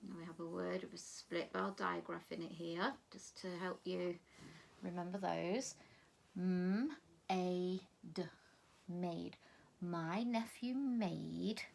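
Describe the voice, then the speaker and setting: A woman's voice: fairly low pitch, fairly even intonation, darkish tone. Encouraging woman teaching phonics. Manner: slow, clearly spelled-out words, encouraging. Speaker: primary school teacher. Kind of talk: recorded phonics lesson for children.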